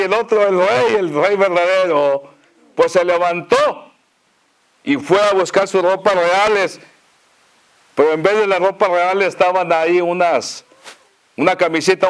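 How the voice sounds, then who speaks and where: A pastor with a northern Mexican accent telling a story in a sermon, folksy and chuckling, with many fillers. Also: male voice, high-pitched, smooth.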